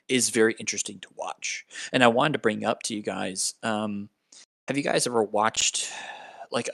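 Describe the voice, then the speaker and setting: A young man with a low, gravelly voice talks on a casual podcast, rambling and full of "um"s and restarts. The sound is dry and close. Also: no room sound. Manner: rambling, filler-heavy, restarts. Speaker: podcast co-host.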